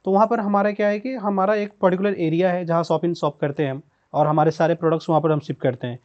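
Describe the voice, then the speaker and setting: A man, a startup co-founder, answering podcast interview questions hesitantly with many filler pauses. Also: high voice, fairly even intonation, dull audio.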